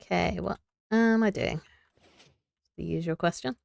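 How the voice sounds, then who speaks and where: A woman's voice: on the low side, measured pace, gravelly, no echo, studio quality. A young woman streaming a building game, chatting to viewers and thinking aloud as she builds, laughing often. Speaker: Minecraft streamer. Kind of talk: casual live gameplay chat.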